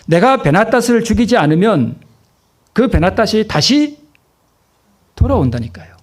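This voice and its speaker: A man's voice: sits high, sing-song, moderate pace. A male pastor preaching a sermon, asking the congregation questions and answering them himself, and repeating key phrases for emphasis.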